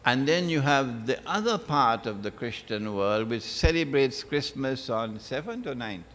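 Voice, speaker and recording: A man delivers an unhurried religious lecture, his pitch rising and falling widely as he drives points home. He repeats key phrases for emphasis. The sound carries a long reverb, like a large hall. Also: expressive, a bit bright. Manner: emphatic, repeats phrases, recites Arabic verses. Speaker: Islamic lecturer.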